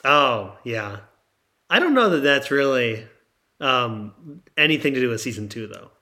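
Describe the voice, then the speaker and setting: A young man co-hosts a casual comedic podcast from France, separate from his co-host, speaking into a handheld microphone. His medium-pitched voice is sharp, very animated and a little slow. He rambles and jokes, often trailing off mid-thought.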